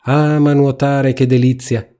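A man's voice: on the low side, moderate pace, dark tone, natural voice. A man reading a storybook aloud, voicing a young duckling who speaks in a wistful, pleading way. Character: young duckling longing to swim.

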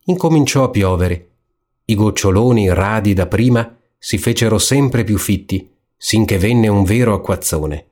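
A man reading a fairy tale aloud in a calm, measured storytelling manner. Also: on the low side. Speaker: narrator.

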